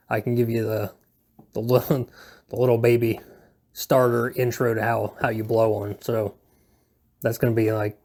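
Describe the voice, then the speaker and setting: A man with a mid-range, slightly mellow voice hosts a hobby how-to video indoors at home. His casual, unscripted delivery rambles along, laid-back, hesitant and self-deprecating.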